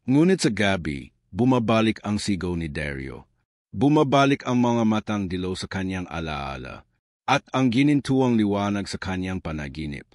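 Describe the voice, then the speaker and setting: A man's voice: on the low side, sing-song, moderate pace, a little mellow, no echo, studio quality. A man narrating a scripted horror story in a dramatic, suspenseful manner.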